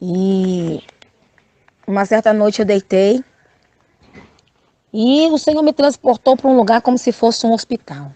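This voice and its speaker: A woman's voice: on the high side, unhurried, pauses often, warm tone, no room sound. A woman gives an earnest, emotional testimony of a religious dream, retelling it with rising distress. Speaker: testimony speaker.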